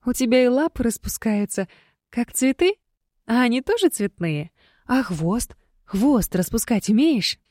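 A woman's voice: fairly high pitch, expressive, a little slow, darkish tone, dry recording, studio quality, pitched above the performer's own voice. A woman voicing a giddy young heroine dazed by magical exhaustion, babbling with childlike wonder.

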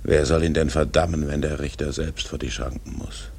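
An actor playing a brooding, tormented old sea captain in a literary radio drama, solemn and haunted, with a gravelly, husky voice. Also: male voice, very deep voice, steady tone, normal speed, a little mellow, heavily acted. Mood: weary, musing.

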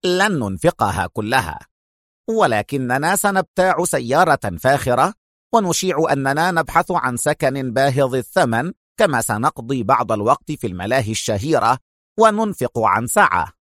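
A man voicing a stern young male team leader in an audiobook, speaking in a firm, measured way. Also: medium pitch, lively intonation, fairly bright tone, no echo, studio quality, natural voice.

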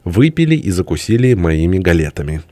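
Deep, dark-toned male narrator, dry studio audiobook. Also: very animated, a little fast, no echo.

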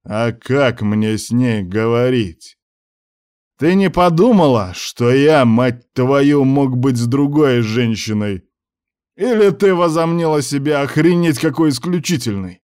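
A male reader voicing a drunk, furious young man who snarls and shouts crude insults. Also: mid-range voice, unhurried, smooth, voice pushed up, close to an everyday voice.

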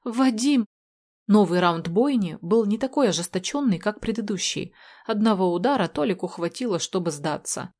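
A woman narrating a story in the first person in a steady, measured way. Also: medium pitch. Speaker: audiobook narrator.

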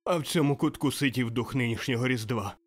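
A man's voice: medium pitch, a little fast, natural voice. Man playing an overjoyed old Scrooge. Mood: giddy, exultant. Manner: exclaiming, breathless, laughing. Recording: faint music behind.

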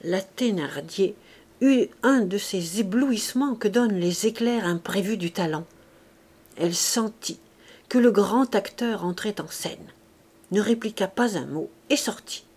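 A woman reading a classic novel aloud as an audiobook, in a measured, expressive way. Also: mid-range voice, slightly rough. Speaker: audiobook narrator. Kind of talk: literary audiobook narration.

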